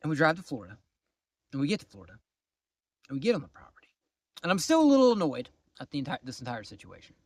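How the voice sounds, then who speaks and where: A man casually telling a long personal story to the camera, exasperated at times and dropping to low mutters. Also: no echo, studio quality. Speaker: vlogger.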